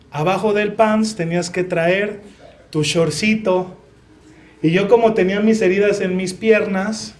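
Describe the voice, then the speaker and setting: A young man with a Mexican Spanish accent delivers a church sermon in a high, light voice. He talks slowly and earnestly, sharing his own story with the congregation. He checks in with his listeners through rhetorical questions. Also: a little mellow, a little hiss or hum. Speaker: preacher.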